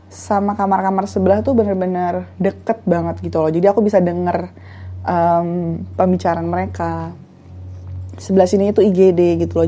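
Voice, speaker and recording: Young woman, vlogger, casual storytelling, mellow voice, chatty with fillers. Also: medium pitch. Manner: chatty, many fillers and asides.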